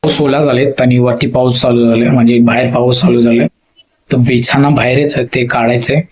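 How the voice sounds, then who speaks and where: A man's voice: medium pitch, little pitch movement, fairly quick, darkish tone, slight background noise. A man talking in a casual vlog, rambling and emotional as he opens up about his feelings. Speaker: vlogger. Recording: slightly dull lo-fi audio.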